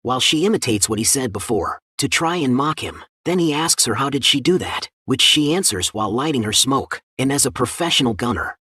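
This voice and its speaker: A man narrating a comic story recap as a steady scripted read-through. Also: medium pitch, husky, no room sound, clean studio sound.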